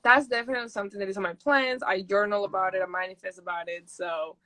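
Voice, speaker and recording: A woman's voice: medium pitch, steady tone, fast talker, bright, forceful tone, no echo, low-quality recording. A young woman from Peru, a native Spanish speaker, chatting casually and laughing often as an interview guest. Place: houseboat.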